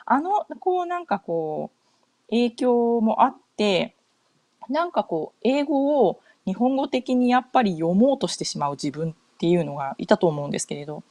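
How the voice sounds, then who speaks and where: Woman, middle-aged, from Japan, podcast host, casual rambling chat, lots of fillers, lively rising and falling pitch. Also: normal speed, dry recording. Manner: chatty, many fillers and self-corrections. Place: home in North America.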